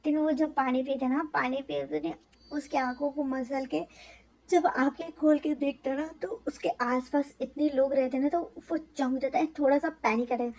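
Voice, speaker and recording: A woman with a high, bright voice tells her own fan-fiction story casually. She keeps it chatty and drops English words in as she goes. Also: fairly even intonation, moderate pace.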